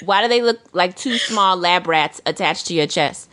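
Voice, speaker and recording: A woman's voice: on the low side, normal speed. A woman co-hosting a podcast, rambling in casual chat about TV shows with dramatic asides. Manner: animated, rambling, dramatic impressions. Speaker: podcast co-host.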